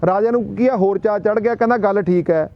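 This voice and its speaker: A man's voice: high voice, fast, highs cut off, slight background noise. A man with a Punjabi accent addressing a gathering, telling folksy stories and asking rhetorical questions. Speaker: public speaker. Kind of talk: speech to a gathering.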